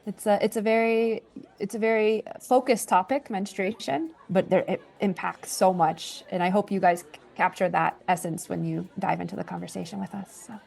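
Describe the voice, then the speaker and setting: A woman's voice: mid-range voice, fairly even intonation, moderate pace, gravelly, darkish tone. A woman co-hosting a podcast, chiming in with short agreeing remarks in casual conversation. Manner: agreeable, brief affirmations. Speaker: co-host.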